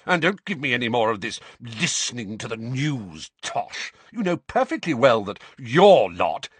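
A croaky, blustering uncle, forever on the edge of rage, as a man puts him on for a storybook reading. His voice swings wildly and sounds husky, in a dry close recording. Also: mid-range voice, sing-song, measured pace, dry recording, pitched above the performer's own voice. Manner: croaky, trembling with fury. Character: blustering stout middle-aged uncle, furious.

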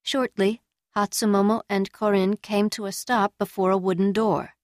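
A woman narrating a novel in a measured, steady storytelling voice of middle pitch. The sound is dry and close, with no room around it, like a studio audiobook. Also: dry recording. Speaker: audiobook reader. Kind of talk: scripted narration.

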